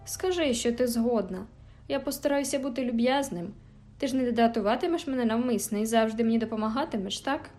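A woman's voice: fairly high pitch, brisk, dark tone, lightly acted. Storybook sick boy, petulant and spiteful, voiced by a woman, faint music under. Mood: wheedling. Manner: whiny, petulant, taunting. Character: sickly, spoiled, spiteful teenage boy.

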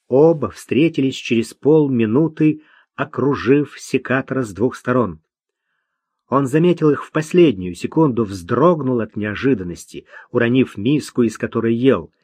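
A man reading an audiobook in a measured, even narration. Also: mid-range voice, breathy edge, dry recording.

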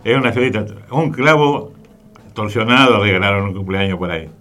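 A man's voice: lowish voice, fairly quick, bright, forceful tone. A man with an Argentine accent co-hosting a radio show, telling rambling colloquial stories. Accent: Argentine Spanish. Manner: rambling, colloquial, says "¿viste?". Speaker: radio co-host. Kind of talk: casual radio chat.

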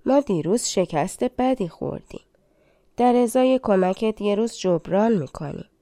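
A woman's voice: medium pitch, expressive, warm tone, dry recording, studio quality, natural voice. Woman doing the pleading ant king. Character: king of the ants, a small pleading ruler.

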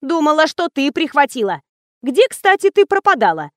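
A brash, irritable young office worker, put on by a woman reading aloud in an audiobook. She snaps and scolds in a raised, lively voice that jumps around a lot. The delivery is dry and close. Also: high voice, moderate pace, no room sound, pitched above the performer's own voice. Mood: snappish. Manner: snappy, scolding.

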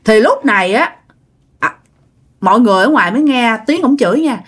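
Woman, ghost story storyteller, high voice, lively up-and-down delivery. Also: brisk, breathy edge. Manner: conversational, addresses listeners directly. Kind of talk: spoken ghost story narration.

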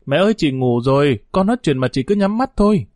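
A small, innocent village boy , voiced by a man, chirps in a raised, childlike pitch. He sounds pleading and playful, and the recording is dry and close. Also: expressive, quick pace, darkish tone, dry recording, close to an everyday voice.

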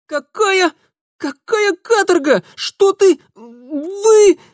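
A man's voice: very high voice, drawn-out words, no room sound, clean studio sound, pitched above the performer's own voice, heavily acted. A man doing a shrieking little village girl. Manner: shrieking, screeching. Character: small shrill village girl, fierce.

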